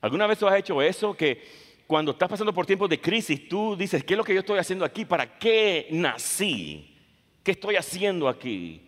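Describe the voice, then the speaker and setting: A man's voice: high voice, very animated, fairly quick, fairly bright tone. A man preaching a sermon, switching between languages line by line, emphatic and repeating phrases for stress. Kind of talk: bilingual sermon, English and Spanish in turn. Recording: long reverb of a large hall.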